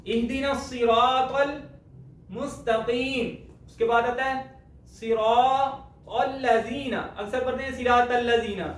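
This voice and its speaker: A man teaching the correct pronunciation of Quran letters, speaking slowly and deliberately and repeating each sound to demonstrate it. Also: very high-pitched. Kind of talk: spoken lesson on letter pronunciation. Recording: echoey room, voice far from mic.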